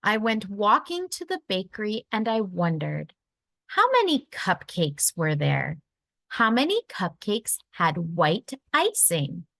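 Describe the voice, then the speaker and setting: A woman with a medium-pitched voice and some vocal fry reads a children's picture book aloud, with no room sound. She tells the story deliberately and expressively for young listeners.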